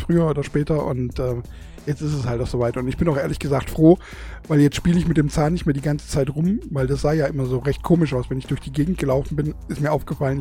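A young man chats casually while hosting his own podcast into a studio microphone, lisping through a gap in his teeth. He laughs often and pokes fun at himself, and his voice is fairly high and mellow.

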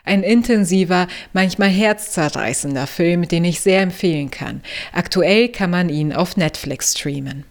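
Woman co-hosting a podcast, reads scripted reviews, slightly low voice. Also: unhurried. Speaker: podcast co-host giving film tips.

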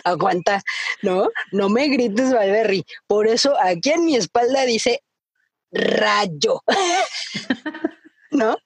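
Lively, slightly husky Mexican woman. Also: on the high side, very slow, long pauses, no room sound. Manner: animated, acts out her dad's shouting, many fillers. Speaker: podcast co-host. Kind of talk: casual storytelling chat.

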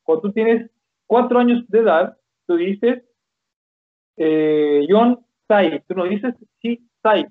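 A man with a Chilean Spanish accent giving a casual lesson on Japanese, explaining slowly and sounding out foreign words with careful pauses. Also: sits high. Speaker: Japanese teacher. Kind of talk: casual online language lesson. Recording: tinny phone-like audio.

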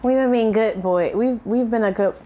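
A woman co-hosting a podcast in casual chat, relaxed and wry with playful asides. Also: a little high, normal speed, slight background noise. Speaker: podcast co-host.

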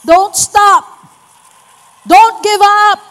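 A woman's voice: very high-pitched, fairly even intonation, drawn-out words, fairly bright tone. A woman pastor preaching a sermon with emphatic, urgent exhortation in a church hall. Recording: long church hall reverb.

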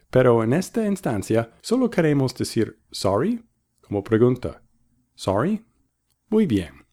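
A man's voice: mid-range voice, darkish tone. A man hosting a bilingual English lesson, patiently modelling phrases and repeating them for practice. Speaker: English teacher and host.

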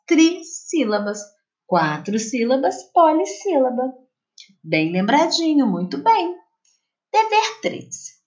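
A female teacher with a Brazilian Portuguese accent patiently explains homework exercises to children, using a slow, sing-song classroom voice that is high.

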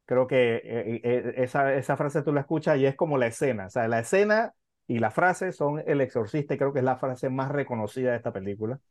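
A man co-hosting a film podcast, talking casually and stumbling through fillers and restarts as he gathers his thoughts. His voice sits at a middle pitch. The sound is dry and close. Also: fairly quick, a little mellow, no room sound. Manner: hesitant, many fillers and restarts. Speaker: podcast co-host.

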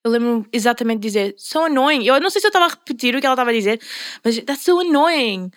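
High-voiced laughing woman. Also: lively intonation, rapid-fire, a bit bright, clear, resonant tone. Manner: laughs often, mixes English into Portuguese. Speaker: podcast co-host. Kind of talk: casual chat among sisters.

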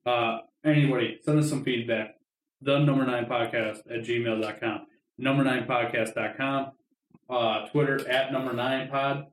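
A man hosting a podcast in casual, jokey chat, animated and swearing a lot. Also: mid-range voice, moderate pace. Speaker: podcast host. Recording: roomy echo.

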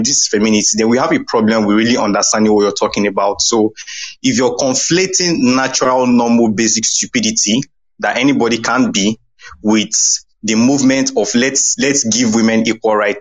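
A man's voice: medium pitch, fairly quick, rough recording. A man arguing his point emphatically in a casual group discussion. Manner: emphatic, argumentative.

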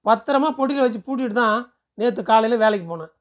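A man's voice: very high voice, fast, pitched above the performer's own voice. A man doing a pleading, anxious village woman.

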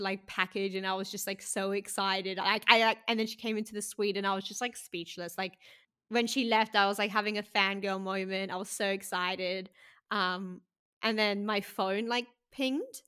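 A woman's voice: mid-range voice, moderate pace, clear, resonant tone. A young woman, a podcast guest gushing through stories in a casual chat full of "like" fillers. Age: young adult. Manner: excitable, gushing storyteller with many "like" fillers.

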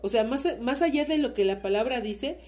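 Mexican mother, interview guest, warm mellow tone, earnest and rambling, full of faith. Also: a little high, lively intonation, moderate pace. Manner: earnest, faith-filled, rambling with many fillers. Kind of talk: casual heartfelt conversation.

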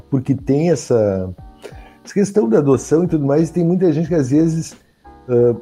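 Dark husky male interviewer. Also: fairly high pitch, expressive, measured pace, soft background music. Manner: thinks aloud, hesitant. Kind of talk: casual interview questions.

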